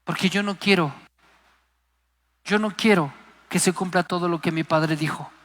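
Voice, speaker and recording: Man doing a quiet resigned young person who won't get married, high voice. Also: normal speed. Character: wary young person refusing to marry. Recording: long hall reverb.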